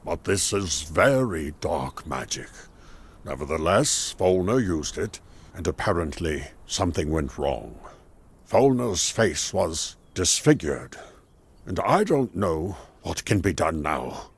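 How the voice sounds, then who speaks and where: A wise male mage in a game cutscene, calm and patient. His voice is very low and husky, with lively swings of pitch. He explains in a measured, steady way. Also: heavily acted.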